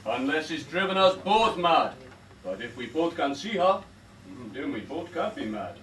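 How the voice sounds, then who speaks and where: A man's voice: fairly high pitch, very animated, normal speed, fairly bright tone. A man playing a shifty, muddled comic witch doctor, hammy and defensive, in an amateur stage pantomime. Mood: musing. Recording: echoey stage, distant mic, noise.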